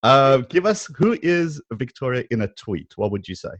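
A man with a South African accent hosting an interview show, energetic and enthusiastic, laughing often. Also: mid-range voice, normal speed. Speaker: podcast host.

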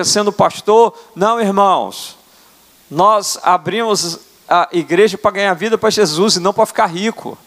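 An older man from Brazil preaching a sermon as apostle, earnest, often adding quick tag questions. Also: high voice. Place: church sanctuary. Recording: church hall reverb.

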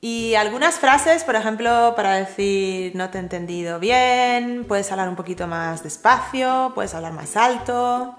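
A woman's voice: medium pitch, unhurried, hardly any pauses. Playful woman co-host in a roomy space. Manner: playful, chatty, teasing asides. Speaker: co-host of English lesson channel. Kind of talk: bilingual language lesson. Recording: roomy echo.

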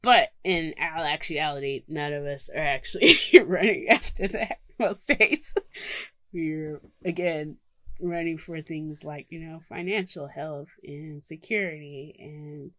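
Low-voiced woman podcaster, dry close sound. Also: measured pace, pushed and bright, dry recording. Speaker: podcast co-host. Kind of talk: casual chat mixed with reading self-care advice aloud.

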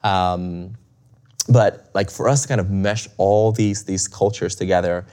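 A deep, a little mellow voice with a steady tone and unhurried pace belongs to a young adult man raised in Bulgaria. As a guest in a casual conversational interview, he reflects with frequent chuckles, many fillers and restarts.

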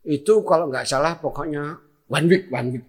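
A man's voice: fairly high pitch, normal speed, husky. A man with a Javanese accent telling a story in casual chat, acting out scenes with sound effects. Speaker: guest telling a tall tale.

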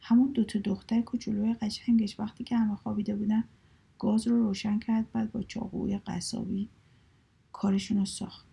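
A woman voicing a sly, teasing young sister in a soft whispered story reading. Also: mid-range voice, little pitch movement, creaky, husky, heavily acted. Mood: grim.

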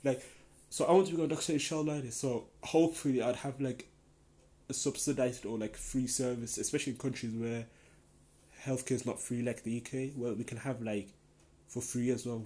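Medium in pitch and dark in tone, this young adult man raised in Denmark runs a laid-back solo podcast Q&A. His talk wanders, bubbles with enthusiasm, and is packed with fillers.

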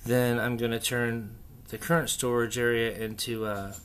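A man hosting a casual, unscripted solo hobby chat, thinking aloud haltingly in an echoey, stripped-out bunker room. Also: mid-range voice, level tone, a bit bright, a little hiss or hum. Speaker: podcast host. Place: echoey indoor room under renovation, torn-out walls.

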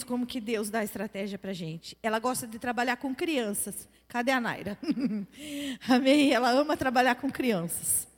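A woman preaching a sermon in a church, telling a testimony and repeating phrases for emphasis. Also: a little high. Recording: long hall reverb.

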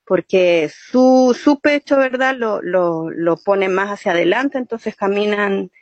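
A woman who teaches storytelling explains voice and body exercises step by step in an interview, patiently checking in with "¿cierto?" as she goes. Her voice is medium-pitched and slow, and the recording sounds muffled and dry.

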